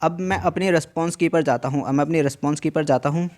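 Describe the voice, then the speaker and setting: Talking quickly in a voice on the high side and a little mellow, a man goes through an exam answer key during a screen-share tutorial. He says each instruction more than once, with emphasis, and frequently checks in by asking "theek hai."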